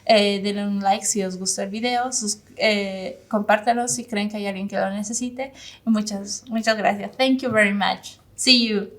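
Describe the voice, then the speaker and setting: A woman giving an informal online English lesson in Spanish. She models English phrases slowly, searches for words and fills her pauses. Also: medium pitch, steady tone. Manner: hesitant, searches for words with many fillers. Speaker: English instructor.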